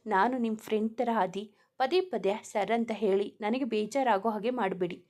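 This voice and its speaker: Abhi, a woman voicing a caring calm friend. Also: mid-range voice, moderate pace, lightly acted. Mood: concerned. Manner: soothing, reassuring.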